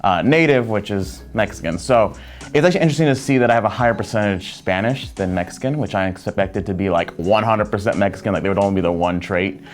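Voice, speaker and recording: A man's voice: fairly low pitch, quick pace, faint music behind. A young man talking casually to camera about a test, eager and rambling with many fillers. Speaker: social media staffer.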